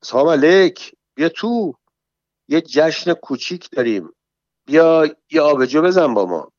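Audiobook guy doing a tipsy young party dude, flippant and breezy, kinda raised pitch, dull dry sound. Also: lively intonation, a little mellow, no room sound, lightly acted. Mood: welcoming. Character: skinny long-haired young man, tipsy and carefree. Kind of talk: audiobook reading.

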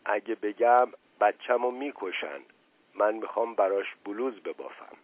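Man playing a simple, childlike young woman, soft and plaintive, husky phone-like audio. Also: lowish voice, no room sound, natural voice. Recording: tinny phone-like, dry.

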